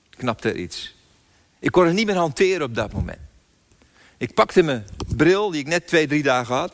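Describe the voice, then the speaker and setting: An older man preaching a sermon, telling a personal story with emphatic pauses and repeated phrases. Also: medium pitch. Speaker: pastor. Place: church hall. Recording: long hall reverb.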